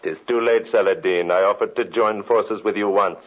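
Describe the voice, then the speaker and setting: Villain magician male actor: menacing, theatrical, gloating, slightly rough swooping voice, dull old radio recording. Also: lowish voice, fairly even intonation, brisk, close to an everyday voice. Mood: commanding. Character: gloating, commanding evil magician mastermind. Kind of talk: old-time radio horror acting.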